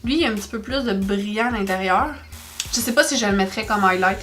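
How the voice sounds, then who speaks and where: A young woman with a Québécois French accent, chatting excitedly through a makeup haul in a casual vlog. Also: mid-range voice, quick pace, soft background music. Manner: chatty, excitable, exclaims over products. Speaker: beauty vlogger.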